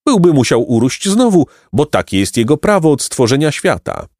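A man voicing a kindly, wise hermit over a hundred years old, speaking gently and with a chuckle, in a storybook reading. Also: medium pitch, sing-song, normal speed, no room sound, clean studio sound, voice pushed up. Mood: gentle. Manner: gentle, sweet-voiced, chuckling. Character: kindly ancient male hermit, wise and merry.

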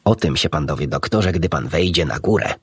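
A man's voice: rumbling low, lively intonation, a little fast, breathy edge, no room sound, clean studio sound, full character voice. A man voicing a stern, fussy female duck housekeeper in a storybook reading, scolding and worried.

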